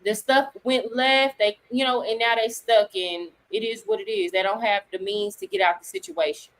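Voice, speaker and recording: A woman's voice: medium pitch, steady tone, normal speed, low-quality recording. A woman hosting a live talk stream, speaking bluntly and laying out her opinions point by point. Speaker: livestream host.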